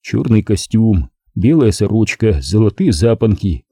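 A man narrating a first-person novel as an audiobook in a measured storytelling manner. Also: fairly low pitch, lively intonation, mellow, slightly rough, no room sound, clean studio sound.

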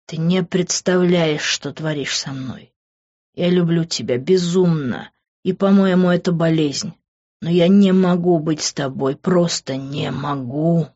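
A woman narrator voicing a jealous, possessive young man who speaks in a low, hushed, intense tone. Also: unhurried, highs cut off. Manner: low, hushed and intense, often near a whisper.

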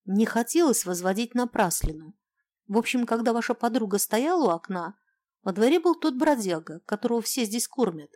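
A woman's voice: on the high side, expressive, moderate pace, no room sound, clean studio sound, voice pushed up, natural voice. Woman doing a timid, hesitant neighbor woman. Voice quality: soft, hesitant and wary.

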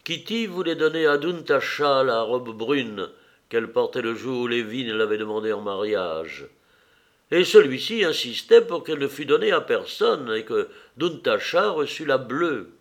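A man with a medium-pitched voice narrates a classic novel as an audiobook reader, his reading measured and expressive.

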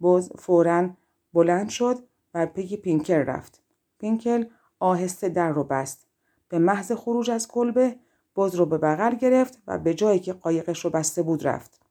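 A woman narrates a fairy-tale audiobook with calm, even storytelling. Her voice sits low and sounds warm and mellow.

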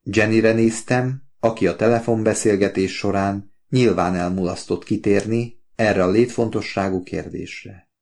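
A man narrating a novel in the first person, measured and wry. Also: lowish voice, fairly even intonation, vocal fry, darkish tone. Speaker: audiobook narrator.

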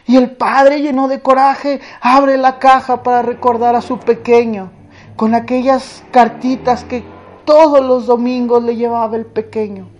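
A woman preaching with a high voice, very slow and deliberate. She speaks earnestly to her congregation and often sinks to a near hush. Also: flat delivery. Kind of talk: sermon with a told story.

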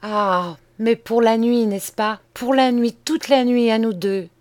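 An ardent young woman lover, pleading and breathless with tender, urgent questions, voiced by a woman reading a story. The voice sits clearly higher than the reader's own. It is heard close and dry, with no room around it. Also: takes it slowly, darkish tone, no echo. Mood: yearning.

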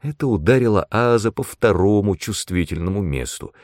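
Man, audiobook narration, lively expressive reading, dry. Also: on the low side, moderate pace, no echo.

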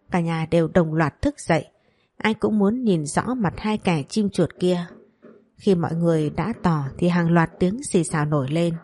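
A woman's voice: on the low side, dark tone, slightly rough. A woman storyteller narrating a dramatic village tale in a vivid, colloquial way. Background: faint music.

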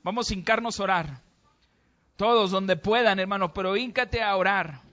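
A man's voice: high-pitched, moderate pace, pushed and bright. A man with a Mexican Spanish accent preaching a sermon, telling a testimony with passion and urging the congregation. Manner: impassioned storytelling, urging the congregation. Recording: dull lo-fi recording.

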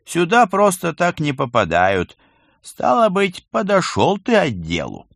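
A man voicing an old male house ghost who speaks in a rustling whisper, slow and instructive, in a storybook reading. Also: a little high, wildly swooping pitch, vocal fry, fairly bright tone, dry recording, studio quality, pitched above the performer's own voice, heavily acted. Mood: stern.

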